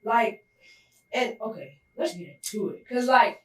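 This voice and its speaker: A woman's voice: on the high side, animated, unhurried, a bit bright. A young woman co-hosting a podcast, talking in a loose, casual way full of "like" fillers. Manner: loose, filler-heavy, "like" everywhere. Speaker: podcast co-host. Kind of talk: casual chat. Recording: roomy echo, distant mic.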